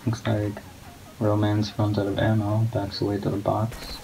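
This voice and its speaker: Low, monotone male game commentator. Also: normal speed, creaky, music in the background, low-quality recording. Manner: monotone, low-key delivery; not much of a talker. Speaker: guest commentator. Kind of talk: esports play-by-play commentary. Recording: steady background noise.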